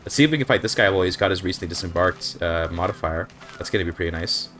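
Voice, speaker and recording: A young speedrunner with a slightly scratchy throat races through casual commentary on his gameplay, his low voice a bit bright. Thinking aloud with fillers, he explains his strategy into a desk microphone.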